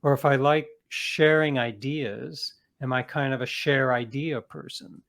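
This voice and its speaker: With a mid-range voice that is creaky and a bit bright, an American man speaks as an interview guest, earnestly talking through ideas while frequently stopping to rephrase.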